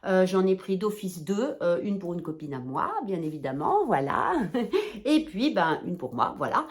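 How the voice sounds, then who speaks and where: A woman chatting casually to her viewers in a shopping haul video, bubbly and excitable, rambling and breaking into playful exclamations. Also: on the low side, normal speed. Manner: talks straight to viewers, chatty and informal.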